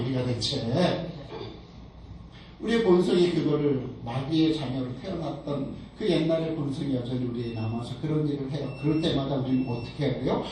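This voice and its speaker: A man's voice: medium pitch, a little mellow. Male pastor preaching in a nursing home chapel, asks the room questions, distant mic, faint hum behind. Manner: questions the congregation and rises to emphatic peaks. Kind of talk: sermon. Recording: echoey chapel recorded from a distance.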